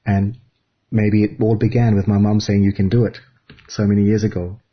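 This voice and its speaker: Husky-voiced man in earnest spiritual talk. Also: lowish voice, little pitch movement, muffled recording. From Fiji. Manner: earnest, measured, phrase by phrase. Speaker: guest speaker.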